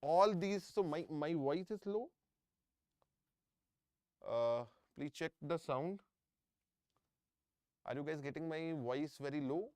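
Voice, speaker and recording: This middle-aged Indian English-accented tutor runs a live online engineering exam class, frequently repeating things and checking in with his students. He speaks slowly with long pauses, in a slightly high, smooth, darkish voice. The close-mic studio sound is clean, with no echo.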